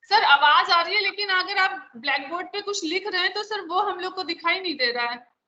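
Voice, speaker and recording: A woman's voice: very high-pitched, moderate pace, sharp tone, highs cut off, a little hiss or hum. A woman taking part in an online session, politely and briefly telling the speaker about a problem, heard over a video call. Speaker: session participant.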